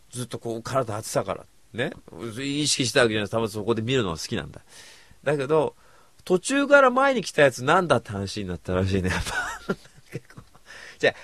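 Husky, lively-voiced male radio host. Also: mid-range voice, no echo. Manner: chatty, rambling, self-mocking storytelling. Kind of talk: casual solo radio talk.

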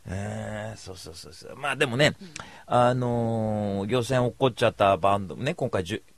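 A man hosting a talk show, telling a rambling casual anecdote in close studio sound, swinging from mumbled asides to loud bursts. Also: medium pitch, no room sound.

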